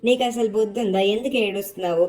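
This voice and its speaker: A woman's voice: mid-range voice, rapid-fire, darkish tone, natural voice. A woman voicing a bossy but caring young woman who firmly scolds her friend.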